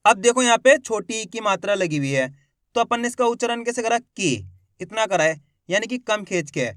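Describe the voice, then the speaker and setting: A man teaching beginners in an online lesson. He speaks with insistent, repeated assurances and slowly sounds out each syllable, drawing the long vowels out. The sound is close and dry, with no room echo. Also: high-pitched, lively intonation, a bit bright. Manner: emphatic, repeats assurances and calls the viewers 'friends'. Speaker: Hindi teacher, channel host.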